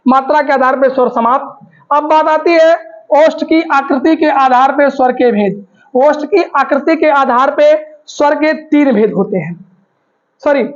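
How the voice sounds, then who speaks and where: A woman teacher with a high voice leads a grammar lesson and drills the class. She asks questions, then answers them herself and repeats the terms. The recording is muffled and lo-fi. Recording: dull lo-fi recording.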